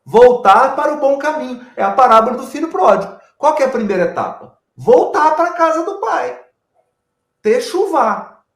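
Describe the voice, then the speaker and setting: Guy teaching spiritual stuff, high lively voice, echoey room. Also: moderate pace. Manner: animated explaining, addresses the host by name. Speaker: guest speaker. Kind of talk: didactic spiritual talk.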